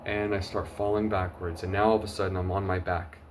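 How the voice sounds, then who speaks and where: A low-pitched man tells his personal testimony straight to the camera. He is earnest and emotional, pressing forward urgently in some moments and dropping to a hushed near-whisper in others. A faint hiss sits behind his voice. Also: flat delivery, brisk. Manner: earnest and emotional, swinging between urgent loud bursts and hushed quiet. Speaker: testimony vlogger.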